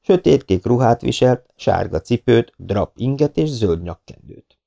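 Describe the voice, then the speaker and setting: A man narrating an audiobook in a steady, measured reading. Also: mid-range voice, vocal fry, muffled recording.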